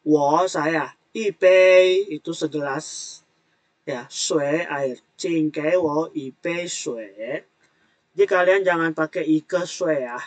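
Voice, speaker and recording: A man teaching an online language class, explaining words and tones patiently and repeating them slowly. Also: a little high. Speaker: Mandarin teacher.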